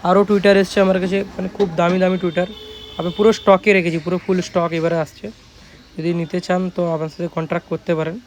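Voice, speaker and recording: This is a fast, flat-toned sales pitch from a shop owner in West Bengal, India, who shows off his work casually while repeating his points emphatically. He has a Bengali accent and a high-pitched voice. The recording quality is low.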